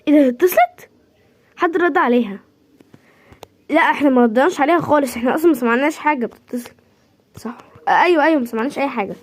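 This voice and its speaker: A woman with an Egyptian accent acts out a whole homemade drama by herself, jumping quickly from one character's voice to the next. Her voice sits high and keeps a lively, playful pace throughout. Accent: Egyptian Arabic. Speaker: creator playing every part in a homemade series. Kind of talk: homemade role-play drama.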